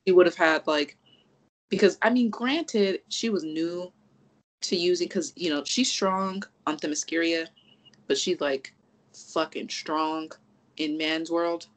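A podcast co-host in casual chat, animated and profane, rambling through restarts and acting out reactions. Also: medium pitch, measured pace, low-quality recording.

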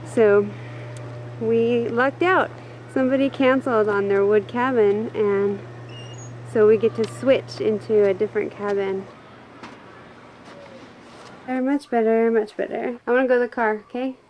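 A woman's voice: a little high, steady tone, unhurried, pauses often, poor audio. A young woman chatting as she points out sights from a moving car, recorded on an old camcorder tape through its built-in mic. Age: young adult. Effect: old camcorder tape audio. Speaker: traveler filming a trip. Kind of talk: casual home-video narration. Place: in a moving car on a road trip. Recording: hissy old camcorder tape with loud noise.

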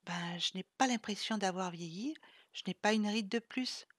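A woman reading the lines of a gentle, weary man cursed for centuries, speaking softly and tenderly. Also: medium pitch, moderate pace, no echo, studio quality, natural voice.

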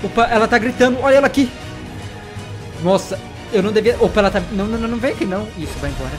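Brief: excitable male gaming vlogger, rapid-fire commentary. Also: high voice, over music. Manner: excitable, jumpy, talks straight to viewers. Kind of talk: let's-play commentary.

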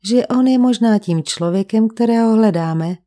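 A woman reading the lines of a calm, probing middle-aged male police commissioner in an audiobook, with measured, gentle questioning. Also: fairly high pitch, lightly acted. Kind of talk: audiobook character voice.

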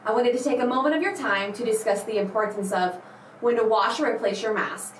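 A woman's voice: on the high side, a little fast. A woman school nurse reading a health announcement to staff and students over the school intercom, in a plain, instructive way. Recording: echoey and distant with faint hiss.

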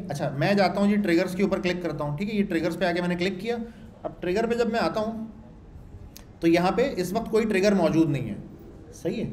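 A programming instructor with a high-sitting, dark-toned voice leads a screen-share coding tutorial in a roomy space with slight background noise. He keeps it chatty, posing his own questions, answering them, and repeating his points.

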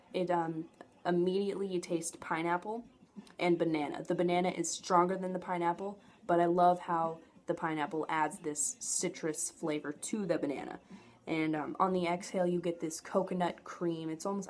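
A woman's voice: lowish voice, darkish tone. A young adult woman giving a casual, enthusiastic product review to camera in an informal way. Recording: noticeable background noise, home camera audio.

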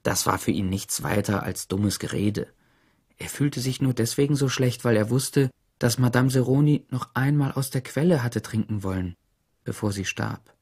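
A man narrating an audiobook in an expressive storytelling manner. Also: mid-range voice, moderate pace, breathy edge. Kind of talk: scripted narration.

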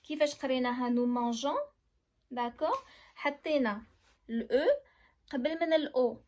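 A woman's voice: high-pitched, lively intonation, fast, a little mellow. Moroccan woman teaching basic French. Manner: switches between French and Moroccan Arabic, explains step by step, checks understanding. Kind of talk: classroom lesson.

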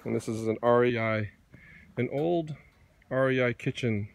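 A middle-aged man with a medium-pitched, creaky voice strolls around his outdoor campsite, filming on a handheld phone and pointing out his gear. He's unhurried and occasionally corrects himself as he narrates the tour. The sound is dry with no echo, and he's behind the phone camera.

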